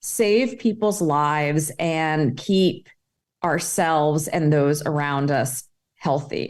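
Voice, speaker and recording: A middle-aged woman from Egypt, guest on a podcast, with a notably low voice for a woman. She recounts her path in a thoughtful, measured way, taking her time over each point. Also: a little mellow. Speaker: guest, public health specialist and author. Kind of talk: podcast interview.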